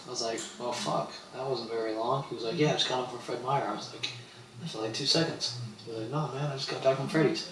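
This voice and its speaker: A man's voice: mid-range voice, fairly even intonation, quick pace, fairly bright tone, distant mic. Rambling young man, roomy off-mic sound. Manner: rambling, slangy, quotes people in voices. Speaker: streamer. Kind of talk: casual storytelling on a livestream. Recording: roomy, off-mic with faint ambience.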